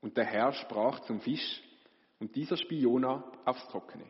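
A man reading scripture aloud in a slow, even, solemn manner. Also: medium pitch. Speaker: scripture reader. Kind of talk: liturgical Bible reading. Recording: reverberant hall, dull lo-fi sound.

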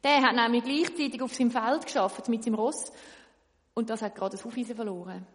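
Lively woman storyteller for children, slightly high voice, long hall reverb. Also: fairly quick. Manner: lively, addresses young listeners directly.

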